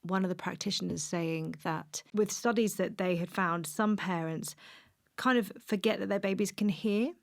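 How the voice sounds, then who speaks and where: A woman's voice: mid-range voice, moderate pace, creaky. A woman hosting a parenting show, chatting casually and sharing her own experience as a mother in informal, self-correcting phrases. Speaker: podcast host and mother. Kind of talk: casual conversational interviewing with personal anecdotes.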